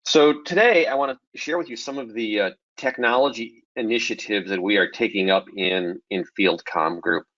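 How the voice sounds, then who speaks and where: A man gives a technical webinar in a low, early-morning voice, talking in a relaxed way with plenty of ums. The sound is dry and muffled, like a computer mic on a call. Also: normal speed, few pauses, no room sound. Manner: relaxed, with frequent ums and restarts. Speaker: webinar presenter. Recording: dull lo-fi webinar audio.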